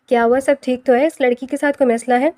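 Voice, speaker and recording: Proud young man, cold and threatening, high-pitched woman reader. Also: steady tone, darkish tone, no echo, clean studio sound, close to an everyday voice. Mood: caring. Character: proud, vengeful young man, older brother.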